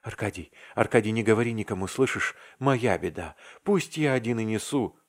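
A man's voice: on the low side, lively intonation, normal speed, lightly acted. A man voicing a broken, pleading young clerk. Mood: urgent. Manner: anguished, pleading, at times whispering. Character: meek young male clerk, delirious, heartbroken.

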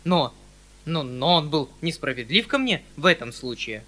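Flustered, pleading landowner uncle, high and bright, declaiming, read by a male narrator. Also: big pitch swings, moderate pace.

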